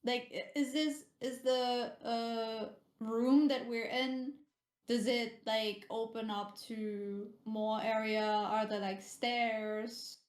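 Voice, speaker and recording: A woman's voice: fairly high pitch, fairly even intonation. A woman playing in a tabletop game, chatting casually and joking with the game master. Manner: chatty, giggly, quick to joke. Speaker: player. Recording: roomy echo.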